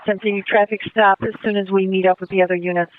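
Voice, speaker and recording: High-voiced guy dispatching on police radio, tinny, flat steady delivery. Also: quick pace. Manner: repeats back each report in clipped radio phrases.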